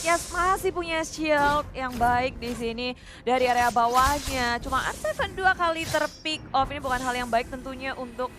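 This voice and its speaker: An Indonesian woman doing excitable live esports play-by-play, mixing in English gaming terms. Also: sits high, normal speed, few pauses, music in the background. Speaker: esports shoutcaster. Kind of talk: live play-by-play game commentary.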